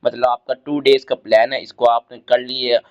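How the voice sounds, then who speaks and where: A man's voice: mid-range voice, flat delivery, moderate pace, clean tone, lo-fi sound. A man from Pakistan, giving students casual exam tips, often restarting and addressing them directly. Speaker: exam prep tutor.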